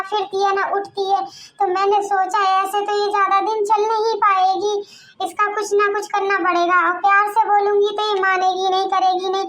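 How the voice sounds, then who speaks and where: A shrill, very high-voiced older aunt played by a woman who scolds and orders everyone around. She is stern on the surface and caring underneath, in a domestic family drama. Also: a bit bright. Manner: scolding, domineering.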